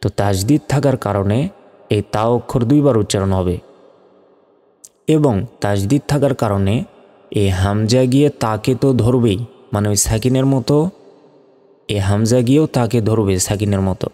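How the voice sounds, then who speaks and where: A man teaching Quran reading, patiently spelling out letters and vowel marks and repeating each sound in a steady drill. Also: lowish voice, normal speed, long pauses, big-room sound. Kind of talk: spelling-out recitation lesson.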